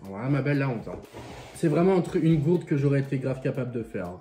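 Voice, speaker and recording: A man's voice: mid-range voice, expressive, quick pace, over loud music. A young man with a French accent chatting casually and sassily while eating, swearing freely and talking with his mouth full. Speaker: vlogger reacting to viewer stories.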